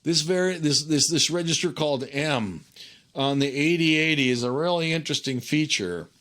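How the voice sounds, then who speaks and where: A man teaching an informal technical tutorial, thinking aloud in a conversational way and often checking in with a quick okay or right. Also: a little high, a bit bright. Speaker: instructor.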